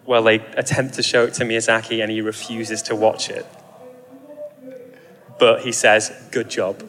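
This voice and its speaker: A man's voice: lowish voice, level tone, normal speed, a bit bright, in a large hall. A man hosting a podcast, telling film history in a chatty, explanatory way with dry humor. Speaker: podcast host. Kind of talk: casual film discussion.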